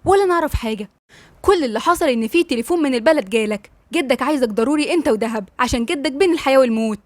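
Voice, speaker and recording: A woman's voice: sits high, expressive, racing, no room sound. A woman with an Egyptian accent voicing a middle-aged mother, dry and evasive. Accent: Egyptian Arabic.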